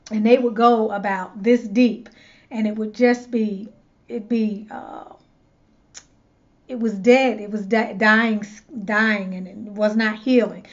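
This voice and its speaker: This channel host, a loc stylist, shares a story from her own life in casual, earnest chatter, repeating words as she hunts for them. Her voice is medium-pitched and steady, and she speaks slowly, with dull-sounding audio.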